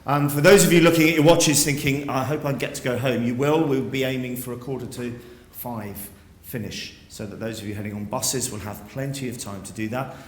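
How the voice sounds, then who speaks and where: A man's voice: mid-range voice, brisk. Man, headmaster, earnest assembly speech, persuasive, echoey school hall. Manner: earnest, persuasive, rhetorical questions.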